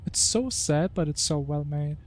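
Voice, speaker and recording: A man's voice: fairly high pitch, moderate pace, slight background noise. A young man streaming a game, giving casual, emotional commentary and often tagging "man" onto his sentences. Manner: emotional, keeps saying "man".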